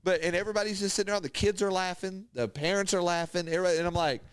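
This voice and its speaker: Speaking rapid-fire in a high-sitting, clear and resonant voice, a male podcast host tells casual stories, acting out quotes with animation and cursing without restraint. There's no echo on the recording.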